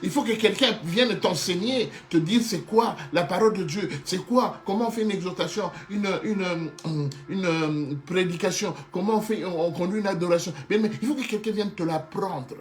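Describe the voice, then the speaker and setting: With faint music behind him, a high-pitched man preaches a passionate sermon at a moderate pace and with few pauses. Not a native Hebrew speaker, he often stops to restart and repeat phrases and keeps calling his listeners "beloved."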